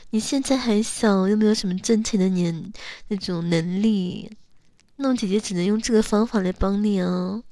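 Woman voicing a playful teasing big sister, intimate role-play audio, mid-pitched, very dry close sound. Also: dry recording, natural voice. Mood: coaxing. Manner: playful, teasing, drawn-out coaxing with soft whispers. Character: teasing, coaxing young woman calling herself big sister.

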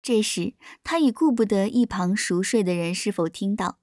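A woman narrating an erotic story in a steady, even reading voice. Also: medium pitch, moderate pace, dry recording, clean studio sound.

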